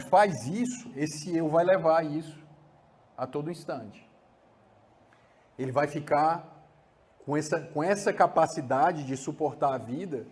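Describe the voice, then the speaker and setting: A man with a Brazilian accent gives an animated psychology lecture, acting out his examples and often tacking on tag questions. His voice is a little high.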